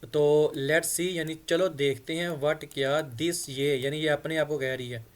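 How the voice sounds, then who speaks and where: A man teaches English phrases. He reads each English line slowly and carefully, then explains its meaning at length. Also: on the high side, fairly even intonation.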